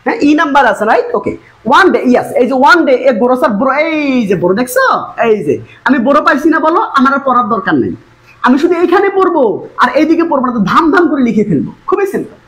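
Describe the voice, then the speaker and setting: A woman's voice: sits high, very animated, low-quality recording. A woman English tutor teaching an exam-prep lesson, coaxing the students to look and follow along. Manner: fast, coaxing, repeatedly urging students to look.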